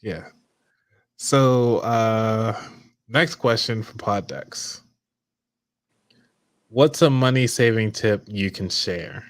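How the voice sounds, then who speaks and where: A man's voice: fairly low pitch, drawn-out words, pauses often, no room sound. A man hosting a casual podcast chat, joking around while giving practical money tips. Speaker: podcast host.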